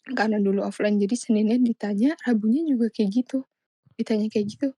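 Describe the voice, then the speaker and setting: Young woman guest, animated storyteller, warm low-brightness tone. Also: fast, husky, no room sound. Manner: animated storytelling, many fillers. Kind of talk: casual chat.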